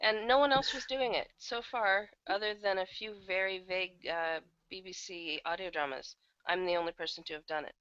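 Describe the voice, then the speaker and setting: An audio drama producer and casting director chats casually about her work as an interview guest, candid and self-deprecating. Her mid-range voice is steady, fairly bright and clean with no echo, at a moderate pace with few pauses. She's on a computer microphone over an online call, and the audio is dull, lo-fi and uneven in volume.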